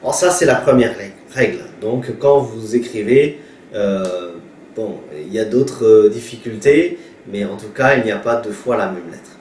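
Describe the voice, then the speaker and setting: A man, a pastor whose first language is Hmong, gives a slow, patient spoken lesson, sounding out consonants one by one with frequent hesitations. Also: fairly low pitch, a little mellow, far from the mic, a little hiss or hum. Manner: patient, repeats sounds aloud, hesitant fillers. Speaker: pastor teaching Hmong reading. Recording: roomy echo, voice from afar, faint ambience.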